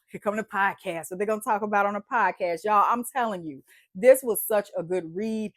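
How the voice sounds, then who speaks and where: A medium-pitched woman's voice, congested and stuffy, sounds clean and studio-made with no room sound. She is a book vlogger having an animated, casual chat reviewing books she loved, and she's chatty, saying "y'all" and "like" often.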